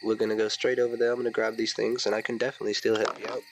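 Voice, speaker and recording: A man's voice: on the low side, flat delivery, racing, slight background noise. A man chatting casually as a player in a tabletop role-playing game, speaking in character.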